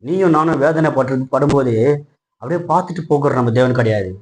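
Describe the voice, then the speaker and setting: A man preaching a passionate sermon, putting questions to his congregation and building to loud, high-pitched peaks. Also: fast, rough recording. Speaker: pastor.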